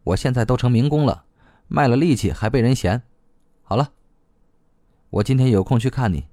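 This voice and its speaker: A man's voice: medium pitch, expressive, moderate pace, mellow, no room sound, studio quality, natural voice. A man voicing a blunt, hot-tempered young woman in an audiobook, scolding and swearing. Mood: gruff teasing. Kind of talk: audiobook reading.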